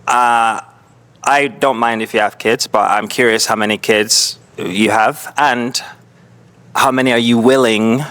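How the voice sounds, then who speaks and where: A man's voice: mid-range voice, steady tone, unhurried, a bit bright. Easygoing man asking dating questions. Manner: easygoing, laughs easily, hesitant fillers. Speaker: dating show bachelor. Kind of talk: casual chat.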